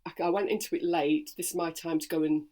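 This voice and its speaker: A woman from Sheffield with a Yorkshire accent speaks in a fairly low voice. She is a voice coach in her forties, relaxed and talkative in an interview. She tells her story in lively bursts. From Sheffield, England. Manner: chatty and animated, quick bursts of storytelling.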